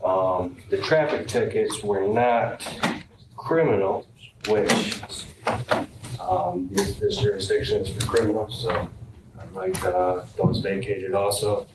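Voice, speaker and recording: A man speaking as a defendant in court, halting with frequent pauses and ums, heard on a courtroom recording. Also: lowish voice, big pitch swings. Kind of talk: courtroom statement. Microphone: distant room mic. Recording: echoey, noisy distant courtroom recording.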